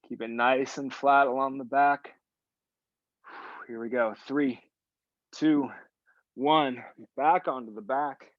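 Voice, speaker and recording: A male fitness instructor coaches a live workout class in a medium-pitched voice with fairly even intonation, speaking slowly with long pauses. Breathing with exertion and sighing audibly, he cues moves and keeps repeating short praise to the group. The recording is dry and dull.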